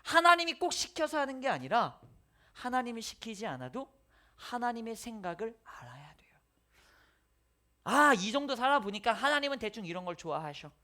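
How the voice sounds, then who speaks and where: Pastor, male, bright voice, lively sermon delivery, swings from loud to whispered lines. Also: extremely high pitch, moderate pace.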